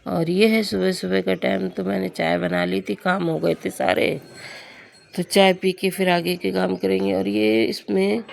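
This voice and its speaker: A young woman with a hoarse, sore throat, chatting confidingly to her viewers in a casual vlog. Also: lowish voice, measured pace. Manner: confiding, addresses viewers as friends. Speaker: vlogger. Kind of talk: casual everyday vlog narration.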